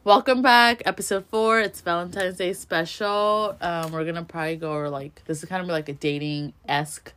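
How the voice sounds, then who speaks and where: A woman's voice: fairly low pitch, steady tone, moderate pace, few pauses, a bit bright, slight background noise. A woman co-hosting a podcast in casual chat, laid-back and teasing. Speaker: podcast co-host.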